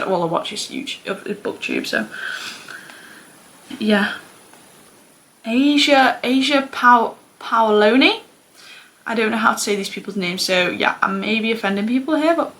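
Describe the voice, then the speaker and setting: Young woman, Mancunian accent, casual vlog chat, self-deprecating, rambling with fillers, creaky fry. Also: mid-range voice, bright, forceful tone. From England. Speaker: booktuber.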